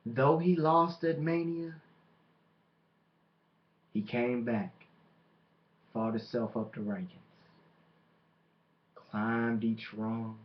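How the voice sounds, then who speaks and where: A man delivering a boastful, taunting wrestling promo as a monologue, with deliberate dramatic pauses. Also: mid-range voice, steady tone. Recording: dull lo-fi microphone recording.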